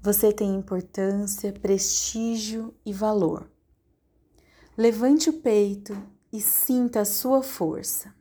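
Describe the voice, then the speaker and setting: A woman leading a guided hypnosis meditation in a slow, soothing, calmly directive way. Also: medium pitch.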